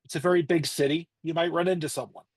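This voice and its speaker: Male player, higher voice, easygoing, dry recording. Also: steady tone, fast talker, slightly rough, dry recording.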